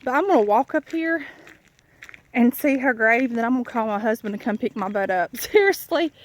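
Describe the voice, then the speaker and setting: A woman's voice: a little high, fairly quick. A woman chatting casually and candidly in a rambling, folksy way while recording a walking vlog on a country dirt road. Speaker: vlogger. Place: outdoors on a rural dirt road. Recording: noisy outdoor country recording. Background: clear outdoor noise.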